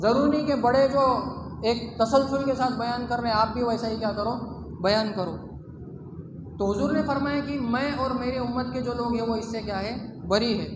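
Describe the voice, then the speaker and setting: A man's voice: extremely high pitch, moderate pace. A man preaching a sermon, asking himself questions and answering them, and mixing Arabic quotations into plain talk. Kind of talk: Islamic sermon. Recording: echoey hall, faint background noise.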